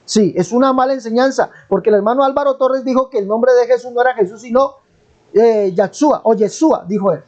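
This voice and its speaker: A man's voice: extremely high pitch, a little mellow, dull audio. A Colombian man with a Colombian accent teaching the Bible in a live online debate, pressing his point and repeating his question insistently. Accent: Colombian Spanish. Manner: preachy, emphatic, drawn-out stresses.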